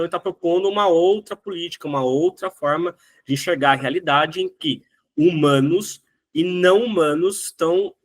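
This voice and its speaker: This recorded class is led by a Brazilian Portuguese-accented man whose voice is high-pitched and fairly bright. His delivery is explanatory and methodical, peppered with frequent "né?" checks on his listeners.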